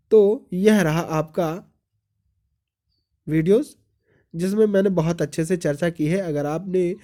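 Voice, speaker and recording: Reading through exam-prep notes, a man restates every point as a question and then supplies the answer. He speaks like a teacher, in a high, mellow voice.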